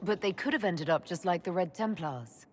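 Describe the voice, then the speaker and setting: An actress playing a female elf mage leader who speaks calmly and asks direct questions. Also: fairly low pitch, moderate pace, slight background noise, close to an everyday voice. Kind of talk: video game voice acting.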